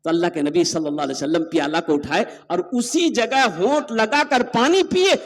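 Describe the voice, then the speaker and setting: A man giving a humorous sermon at a public gathering. He swings between loud exhortation and low asides, and quotes dialogue in changed voices. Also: moderate pace. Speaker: preacher.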